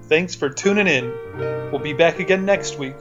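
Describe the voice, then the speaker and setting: A man's voice: a little high, normal speed, dull audio, music in the background. A man as game master, narrating a tabletop game with emphatic, repetitive phrasing.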